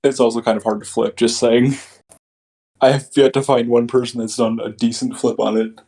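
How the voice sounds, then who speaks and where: A man with a gravelly, creaky edge to his voice, chatting as an interview guest. His delivery is laid-back and blunt, and he swears without much thought. His pitch sits right in the middle. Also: little pitch movement, normal speed, a little mellow. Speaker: guest, battle rapper. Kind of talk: casual interview chat.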